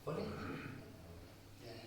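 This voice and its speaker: A man preaches in a mosque hall, talking his listeners through each point and answering the questions he puts to them. His voice carries a long, booming reverb and sounds set back from the microphone. A faint hum of room noise sits underneath. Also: very slow, darkish tone. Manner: explanatory, asks and answers his own questions, tags lines with "ya". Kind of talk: sermon. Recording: echoey hall, voice from far off.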